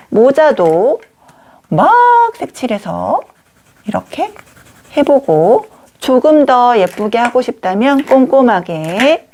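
Gentle woman teaching kids a craft. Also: medium pitch, gravelly, a little hiss or hum. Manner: gentle, sing-song, talks to children. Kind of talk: craft lesson for young children.

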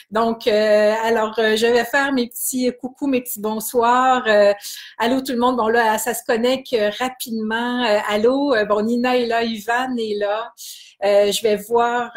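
Chatty Québécois woman hosting a live stream. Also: a little high. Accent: Québécois French. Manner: chatty and warm with many hesitations. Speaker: kinesiology wellness host. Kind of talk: Facebook live, greeting viewers.

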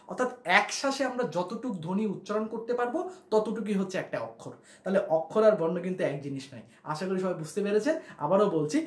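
A male teacher with a fairly high voice, giving a grammar lesson in a reverberant room. He walks through each point slowly, says the key ideas again and again, and keeps asking his class questions. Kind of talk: classroom lesson explaining at a board.

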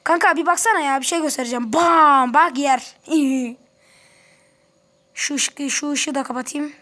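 High-voiced woman grumbling over gameplay. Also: moderate pace, a bit bright. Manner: chatty, grumbles and talks to game characters. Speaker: gameplay commentator. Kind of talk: casual let's-play commentary.

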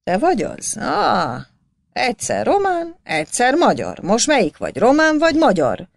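A woman voicing a scornful, shouting male village notary who mocks and barks at a visitor. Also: lowish voice, very animated, dry recording, clean studio sound. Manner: sneering, mocking, barking.

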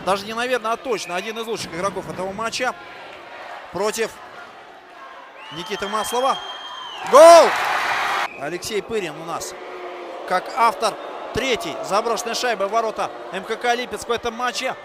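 A man doing excited live ice hockey play-by-play, exclaiming and drawing out names and goal calls. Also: high voice, fairly quick. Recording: loud music and arena crowd behind. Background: pop-rock music and crowd noise.

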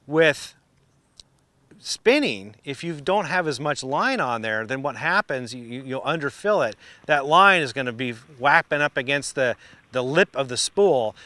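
A man's voice: medium pitch, dry recording. A middle-aged man giving a casual, folksy how-to explanation as a fishing instructor. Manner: excited and exclaiming on the water, chatty and folksy when explaining. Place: outdoors on a fishing boat on a lake for the catch; indoor studio backdrop for the tips.

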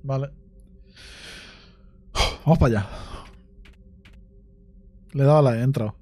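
A man's voice: mid-range voice, normal speed, warm tone. A man with a Spain Spanish accent giving let's play commentary on a horror game, jumpy, swearing often and talking to himself. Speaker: gaming YouTuber.

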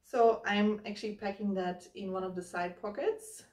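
A woman's voice: mid-range voice, normal speed, heavy background noise. A woman in her thirties casually explaining, step by step, how she packs her hiking backpack while she handles the gear. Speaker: hiking vlogger. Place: living room, indoors. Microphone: camera mic from across the room. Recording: roomy, slightly distant camera sound.

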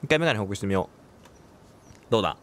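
A man's voice: lowish voice, expressive, racing, fairly bright tone. A man giving let's play commentary on a game, reacting, quipping and talking to himself as he plays. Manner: reactive, talks to himself, quips and exclaims.

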